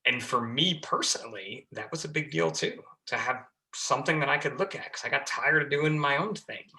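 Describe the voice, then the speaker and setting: A man, a fire lieutenant, speaking as a podcast guest in enthusiastic, casual conversation that comes in quick bursts. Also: mid-range voice, bright, forceful tone.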